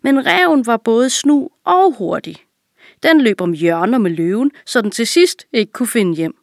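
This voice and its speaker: A woman calmly and clearly reading a fable aloud for children. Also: on the high side, dry recording, studio quality. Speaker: reader.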